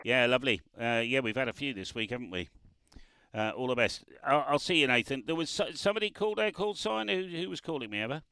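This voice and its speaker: A man's voice: medium pitch, animated, fast talker, sharp tone, clean tone. A man chatting on amateur radio, laughing often and spelling out call signs. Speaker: ham radio operator. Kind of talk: casual radio chat. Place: parked car by the road, remote radio.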